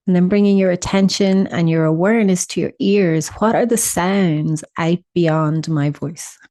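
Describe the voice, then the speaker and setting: Soothing and simple, the meditation instructions come from a woman whose soft, mellow voice sits slightly low, with intentional pauses left between each one. The audio is close and dry, without any room sound.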